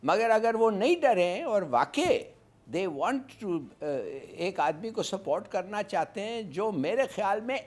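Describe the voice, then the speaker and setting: A man's voice: high voice, very animated, takes it slowly, a little mellow. A man giving opinionated political analysis, slipping English phrases into his speech.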